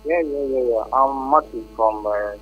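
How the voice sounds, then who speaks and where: A man's voice: medium pitch, unhurried, breathy edge. A Nigerian man calling in to a radio show over the phone, speaking earnestly and repeating himself as he builds his point. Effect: heard over a phone line. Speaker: radio caller. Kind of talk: call-in opinion. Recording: tinny dry phone line.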